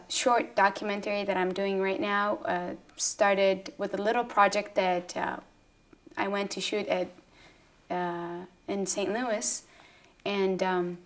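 A young woman from Ethiopia, a former news anchor, introducing her own documentary in a hesitant way with many fillers, filmed before a dark studio backdrop. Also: medium pitch.

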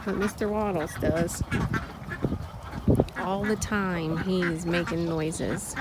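A woman narrates her farm vlog outdoors in a poultry pen, filming on a phone. She speaks slowly and unhurriedly in a lowish voice, with plenty of ums and restarts. Quacking ducks and clucking chickens come through clearly around her. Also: steady tone, very noisy. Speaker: farm vlogger. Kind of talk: casual narration while filming.

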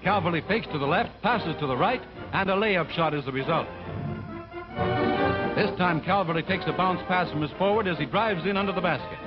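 A man's voice: high-pitched, fairly quick. A man giving formal, scripted sports narration on an old 1940s newsreel soundtrack. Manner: formal, announcer-like delivery. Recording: dull lo-fi 1940s film sound with loud music. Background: loud music score.

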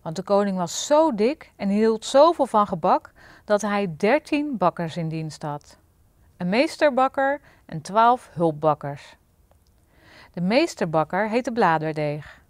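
A woman narrates a fairy tale for children in a clear, lively storybook manner at a middling pitch. The recording is close and dry, with no room sound. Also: a little slow, no room sound. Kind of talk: fairy tale read-aloud.

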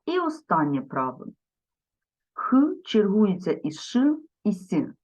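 A woman teaching a grammar lesson, spelling out word forms slowly and carefully and speaking directly to her viewers. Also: medium pitch, huge pitch swings, darkish tone. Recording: dull lo-fi sound.

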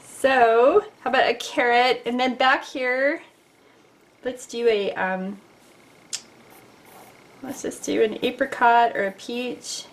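A woman's voice: fairly high pitch, fairly even intonation, takes it slowly, pauses often. A middle-aged woman teaching a casual drawing lesson, chatty and playful, talking to her viewers as she sketches at a desk. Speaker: art teacher.

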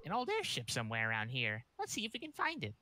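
A man voicing a chipper, excitable male talking hat, reading game dialogue aloud in an eager voice. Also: medium pitch, fast talker, a little hiss or hum, exaggerated voice.

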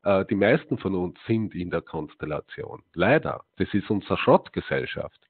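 A lecturer whose voice sits low, breathy-edged and lively in intonation, gives a live talk at a moderate pace to people seated before him. Emphatic and prone to frequent hesitations, he answers his own rhetorical questions and peppers his speech with "ja" and uncertain "äh". The recording sounds narrow and tinny, phone-like.

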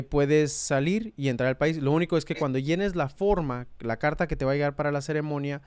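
Man, host, calm step-by-step explanation, smooth voice, dry sound. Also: mid-range voice, no echo. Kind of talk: explanatory interview talk.

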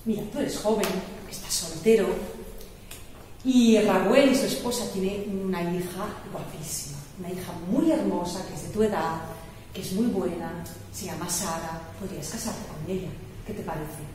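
Woman voicing a calm young guide. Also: mid-range voice, normal speed, a little hiss or hum, voice pushed down, lightly acted. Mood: explaining. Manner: patient, explaining. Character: young male travel guide, calm and knowing. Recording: echoey church hall, mic far off.

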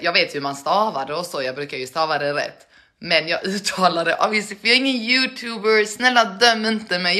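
A woman's voice: fairly low pitch, bright, forceful tone. A woman chatting casually to her live-stream viewers between prank calls, joking and laughing at herself. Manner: chatty, self-mocking, laughs often.

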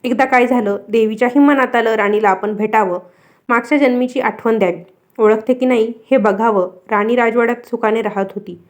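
A woman's voice: on the high side, fairly even intonation, a little fast. Woman with a Marathi accent narrating a devotional tale. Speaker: storyteller.

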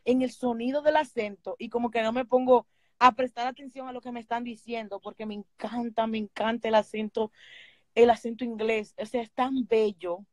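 A woman with a Dominican Spanish accent chats about books in a gushing, animated way, now and then slipping into English. Her voice sits high, and the sound is close and dry with no room around it. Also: moderate pace, no room sound. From Dominican Republic. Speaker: book channel host. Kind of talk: casual chat.

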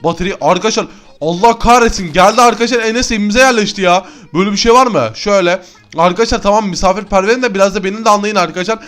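Excitable high-voiced male gamer. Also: rapid-fire. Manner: excitable, exclaiming to viewers. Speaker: gaming YouTuber. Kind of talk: Minecraft gameplay commentary.

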